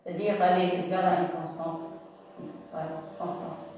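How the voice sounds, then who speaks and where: A woman's voice: lowish voice, flat delivery, moderate pace, recorded from a distance. A woman teaches maths at a board, repeating her key terms and checking that the class follows. Her voice sits back from the mic in a very echoey room with a long reverb tail, with faint noise underneath. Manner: explains step by step, repeats words, often checks with "d'accord?". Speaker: math teacher. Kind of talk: classroom lesson at a whiteboard.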